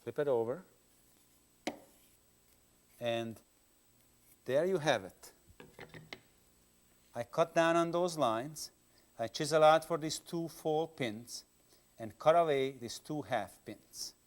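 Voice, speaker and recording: A woodworking instructor patiently demonstrates his craft step by step in plain English with non-native phrasing, speaking slowly with frequent pauses in a slightly high voice. The audio comes from a worn videotape copy.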